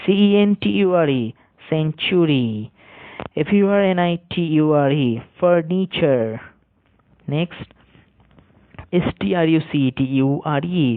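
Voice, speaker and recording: A man teaching English pronunciation, spelling words out letter by letter and repeating each rule slowly and deliberately. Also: a little high. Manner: slow, deliberate, repeats rules for emphasis. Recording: dry, tinny phone-like sound.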